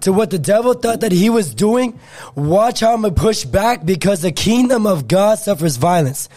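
A male preacher with a notably high voice delivers revival preaching. He speaks in short declarations and puts force behind each statement. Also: lively intonation, normal speed, darkish tone.

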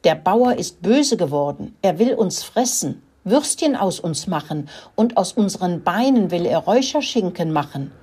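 A woman's voice: lowish voice, big pitch swings, normal speed, few pauses, dark tone, breathy edge. A woman voicing frightened nanny goats in a children's story, in a bleating way.

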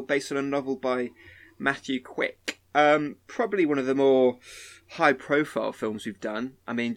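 A man hosting a film podcast in a relaxed, joking way, with frequent fillers and restarts. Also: medium pitch. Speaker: podcast host. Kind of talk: casual podcast chat.

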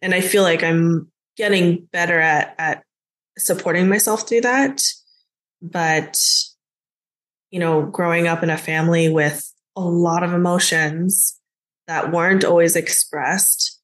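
Speaking unhurriedly in a lowish voice, this US woman is a guest and business mentor in a laid-back conversation. Her tone is thoughtful and casual, sprinkled heavily with "like."

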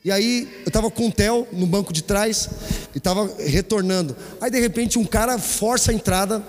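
A man preaching a sermon as pastor, telling stories in a lively way and calling his listeners brother. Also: sits high, moderate pace. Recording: long hall reverb, faint noise.

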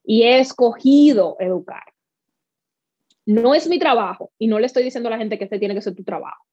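A woman's voice: fairly high pitch, fairly quick, dark tone, breathy edge, no room sound, lo-fi sound. A woman from the Dominican Republic, a guest in an interview, speaking candidly and earnestly and mixing in English words. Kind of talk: interview conversation.

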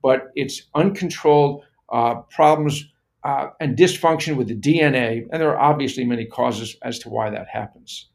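Male interview guest, average pitch, expert explainer, plain step-by-step delivery with emphatic repeats. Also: moderate pace, creaky.

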